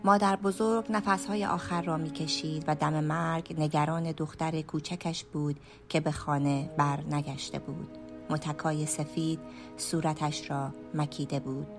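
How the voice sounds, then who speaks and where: A woman with a low voice tells a first-person radio story. She narrates in a hushed, measured way and sometimes sinks into a whisper. Soft music runs under her words. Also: fairly even intonation. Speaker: storyteller and writer.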